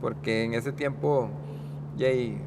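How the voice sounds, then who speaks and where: A man in his sixties from Guanacaste with a Guanacaste Costa Rican accent, a guest talking in a casual interview, rambling and halting with many restarts. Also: mid-range voice, fairly even intonation, background noise. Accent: Guanacaste Costa Rican Spanish. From Costa Rica, Guanacaste. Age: 60s.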